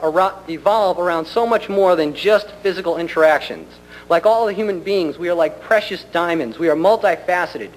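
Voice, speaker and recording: Higher-pitched man giving an earnest formal speech. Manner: earnest, deliberate, polite. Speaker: community center director addressing a county commission. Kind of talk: formal prepared public speech. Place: public government meeting room. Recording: noisy hum, 1990 public meeting recording.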